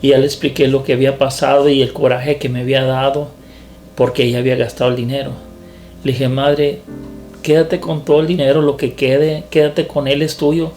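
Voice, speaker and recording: A man preaching his personal testimony in an earnest, halting manner, often repeating a word before going on. His voice sits at a middle pitch. Soft music plays faintly behind him. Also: level tone. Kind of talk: testimony sermon.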